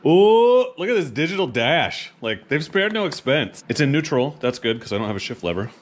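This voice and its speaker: A man's voice: mid-range voice, lively intonation, brisk, a bit bright. A man hosting a motorcycle vlog, chatting casually to camera in a playful, self-deprecating way.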